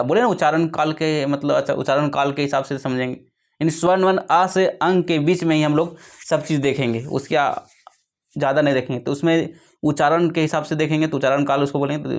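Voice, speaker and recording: Repetitive, slow-explaining man teaching a lesson. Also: on the high side. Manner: explains slowly with many repetitions and self-corrections.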